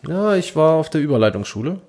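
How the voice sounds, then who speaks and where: A man telling everyday work anecdotes in casual chat, lively and full of fillers. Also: fairly high pitch, fast. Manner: lively anecdotal, with many fillers and acted dialogue. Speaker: podcast co-host telling anecdotes. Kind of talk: casual storytelling.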